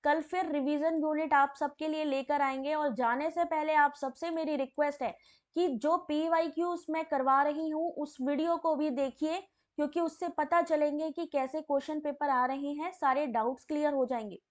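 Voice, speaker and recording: Hoarse from a sore throat, a woman with a high voice leads a live online exam class at a moderate pace and in a steady tone. After reading quiz questions and their answers, she turns to the chat, talking warmly and calling viewers by name.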